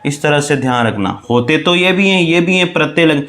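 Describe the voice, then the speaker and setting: Hindi grammar teacher, slow and repetitive. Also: male voice, a little high, a bit bright. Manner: explains slowly, repeating words, addresses students as "bhai". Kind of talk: exam-prep spelling lesson.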